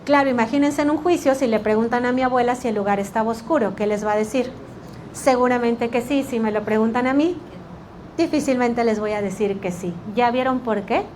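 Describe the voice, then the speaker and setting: A woman teaching a litigation workshop, energetic and quizzing the class with rhetorical questions. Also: on the high side, fairly quick, a little hiss or hum. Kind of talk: workshop lecture.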